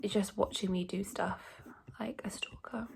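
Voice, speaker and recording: Whispering in a mid-range voice with vocal fry, a young woman talks at normal speed and a steady tone, though her chatter rambles and jumps from thought to thought. Congested from a lingering cold, this beauty vlogger does a casual get-ready-with-me chat to camera from her shared house.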